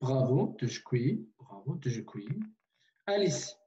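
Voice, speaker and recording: A man's voice: mid-range voice, very animated, slow, dark tone, lo-fi sound. A man teaching a language online in a patient way, repeating himself with many fillers and restarts, over a video call.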